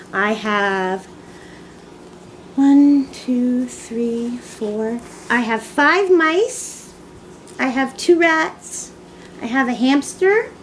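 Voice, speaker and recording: A woman in her thirties from Canada talks in a slow, easy way as she answers tag questions on her vlog. Her voice sits high, she sounds a little tired, and faint noise runs underneath. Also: poor audio. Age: 30s. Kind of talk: casual chat.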